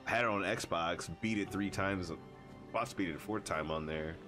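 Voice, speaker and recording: A man's voice: sits low, moderate pace, over music. A man chatting casually as he live-streams a video game. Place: indoor room at a gaming desk.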